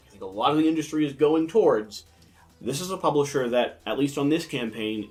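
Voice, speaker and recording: A man hosting a casual board game review discussion, with a lisp that draws his s sounds out like a snake. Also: medium pitch. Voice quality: lisp with drawn-out, hissy snake-like s.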